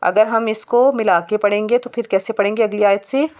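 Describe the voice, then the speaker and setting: Woman, recitation teacher, spells letters, recites phrases slowly, mid-pitched voice. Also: fairly even intonation, a little mellow. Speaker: Quran tajweed teacher. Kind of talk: step-by-step recitation lesson.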